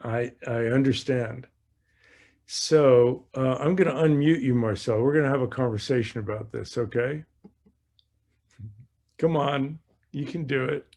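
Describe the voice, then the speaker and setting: During a live online question session, a male golf coach explains things conversationally, frequently repeating phrases. He speaks at medium pitch, a little slowly, pausing often, with a slightly mellow voice.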